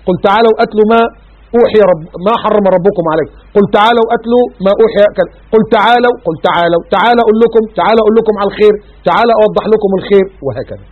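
Fast-talking Egyptian preacher, tinny audio. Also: male voice, high voice, animated. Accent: Egyptian Arabic. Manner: rhetorical questions, mocking asides, chanted verses. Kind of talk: Islamic sermon with Quran recitation.

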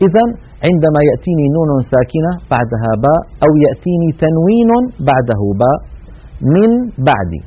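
A man teaches Quran recitation in a broadcast lesson, measured and explanatory as he demonstrates sounds. His voice is husky and sits a little high, and he talks quickly. The audio is tinny and narrow, like a phone line. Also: very animated.

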